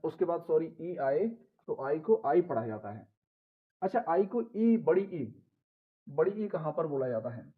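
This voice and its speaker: A man teaching English pronunciation in Hindi, step by step, spelling out letters and repeating each rule for his viewers. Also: fairly high pitch. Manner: addresses viewers as "guys". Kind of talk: Hindi classroom-style lesson. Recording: tinny phone-like sound.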